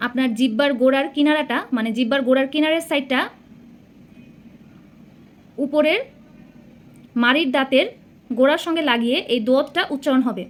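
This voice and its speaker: Woman with a high voice teaching letter sounds, patient, says each one over and over. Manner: patient, repeats each letter with careful articulation. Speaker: Quran reading teacher. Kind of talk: slow recitation lesson.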